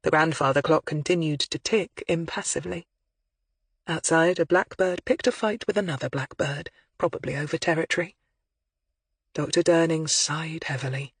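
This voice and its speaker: An audiobook narrator reading a mystery novel in a measured, even storytelling manner. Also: mid-range voice, slightly rough, dry recording.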